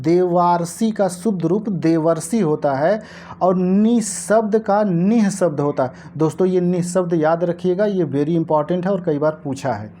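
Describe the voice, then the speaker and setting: A woman teaching an exam-prep lesson, explaining answers to past-paper questions and repeating key words slowly for her viewers. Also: on the low side, mellow, a little hiss or hum.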